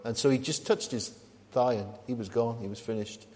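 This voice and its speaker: A man preaching a sermon in a conversational way, asking the listeners questions and pausing with ums and restarts. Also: medium pitch, darkish tone. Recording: long hall reverb.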